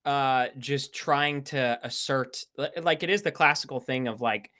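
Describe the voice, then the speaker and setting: A man's voice: mid-range voice, a little slow, bright, forceful tone. A man hosting a casual podcast, thoughtful and hesitant as he works through ideas. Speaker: podcast host. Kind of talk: casual discussion.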